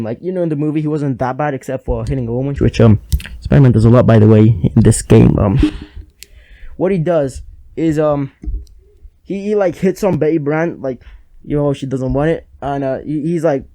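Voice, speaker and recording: A man's voice: fairly high pitch, dark tone, no room sound. A young man giving a rambling, sarcastic comedic game review at a home microphone. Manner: rambling, sarcastic, lots of fillers.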